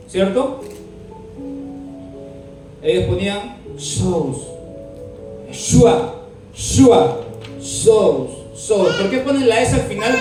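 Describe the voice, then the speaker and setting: A man teaching a Bible class, asking his students questions and spelling words out letter by letter. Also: high voice. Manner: asks the class questions often. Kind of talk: classroom lesson with dictation. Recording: very echoey room, mic far off, faint music.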